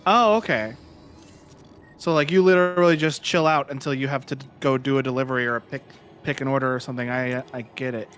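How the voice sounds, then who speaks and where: A man's voice: medium pitch, quick pace. A man with a mid-range voice chats easily during a group gaming session. He talks in a loose, anecdotal way. A faint hiss of noise sits under his voice. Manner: relaxed, chatty, tells little anecdotes. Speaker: friend playing along on stream. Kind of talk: casual gaming chat.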